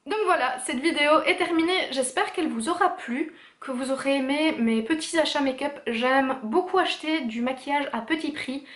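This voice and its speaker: A chatty woman with a fairly high voice presents a casual beauty haul, brimming with enthusiasm and sprinkling fillers as she goes. She speaks into a camera mic in a room at home. The room gives her voice a noticeable echo. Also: normal speed, few pauses, a bit bright. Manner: chatty and enthusiastic, full of "voilà" and "euh". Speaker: beauty vlogger. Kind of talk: casual make-up haul vlog. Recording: echoey room.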